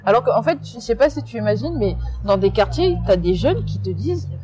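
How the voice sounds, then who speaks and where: Animated French woman, mellow voice. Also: fairly high pitch, brisk, breathy edge, faint music behind. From France. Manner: animated, emphatic, talks with many restarts. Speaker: interviewee. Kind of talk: casual interview.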